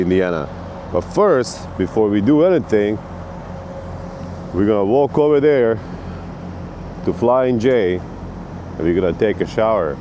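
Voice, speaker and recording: A man's voice: fairly low pitch, warm tone, slight background noise. A man from Bosnia and Herzegovina, a truck driver vlogging at a truck stop in loose, slangy, profane banter into a handheld camera. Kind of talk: casual vlog chat. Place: truck stop outdoors and shower room.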